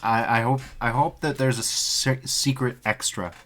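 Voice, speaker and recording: A man's voice: mid-range voice, steady tone, normal speed, a bit bright, a little hiss or hum. A man streaming, reading a dry report aloud and breaking off for profane, jokey asides.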